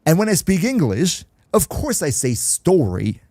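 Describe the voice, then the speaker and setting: This young German man's voice sits a little high and swings widely in pitch, darkish in tone and a bit slow. The clean studio sound has no room reverb. Hosting a casual gaming livestream in a German accent, he chats, reads and answers chat, and laughs a lot.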